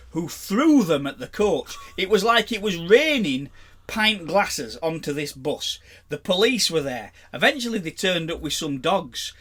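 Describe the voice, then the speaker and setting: A man's voice: on the high side, a bit bright. A man with a Yorkshire accent, co-hosting a podcast in casual chat and telling pub anecdotes with frequent laughter. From England. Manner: chatty anecdotal storyteller, laughs often. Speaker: podcast co-host.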